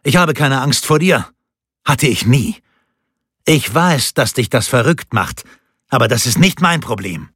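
Ein Mann spielt einen trotzigen, stolzen Edelmann. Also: male voice, medium pitch, big pitch swings, a little slow, fairly bright tone, husky, no echo, studio quality, voice pushed up, full character voice. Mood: defiant. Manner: firm, defiant, declamatory.

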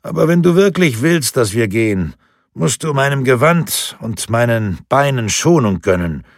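A man's voice: mid-range voice, lively intonation, normal speed, no echo, clean studio sound, pitched above the performer's own voice, natural voice. A man voicing a mild, fond old grandfather in an audiobook. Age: older. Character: gentle doting old grandfather.

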